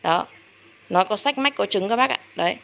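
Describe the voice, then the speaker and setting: A woman's voice: mid-range voice, expressive, moderate pace, creaky, a bit bright. A woman selling orchids on camera, talking to her viewers in an indignant, repetitive way and calling them respectfully as elders. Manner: indignant, repeats herself, addresses viewers as elders. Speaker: orchid seller. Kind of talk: casual sales video talk to viewers.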